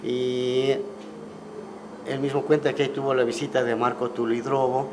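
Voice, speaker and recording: A man, a guest musician recalling the past in a relaxed, storytelling way and often ending with tag questions. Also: mid-range voice, normal speed. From Ecuador. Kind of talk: casual interview conversation. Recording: clear background noise.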